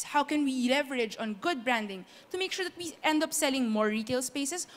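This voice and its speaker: A fairly high-voiced young woman from the Philippines delivers a formal business case presentation. She is earnest and orderly, counting off her points one by one. Her voice rings with the long reverb of a large hall. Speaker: student case competition presenter.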